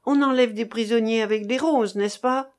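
A woman's voice: a little high, normal speed, lightly acted. A woman reading an audiobook, voicing a stern, commanding cloaked man who gives terse orders.

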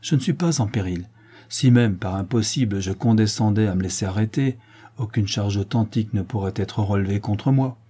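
Gentleman thief, read by a man, playful, confident, mellow, husky. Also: on the low side, normal speed. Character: charming, teasing gentleman thief. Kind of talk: audiobook reading.

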